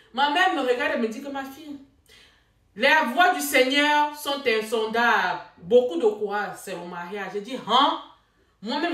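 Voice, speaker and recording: A young woman tells her own story with lively, dramatic delivery and sudden exclamations. Her voice swings widely up and down and sits a little high. She is heard from a bit away from the mic in an echoey room. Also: recorded from a distance. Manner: animated, dramatic, with bursts of exclamation and laughter. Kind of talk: casual personal storytelling.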